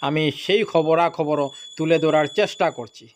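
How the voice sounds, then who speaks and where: A man's voice: a little high, moderate pace, slight background noise. A man doing on-the-spot field reporting as a local news reporter, announcing at a crowded outdoor festival. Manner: announcing, repeats his outlet and name.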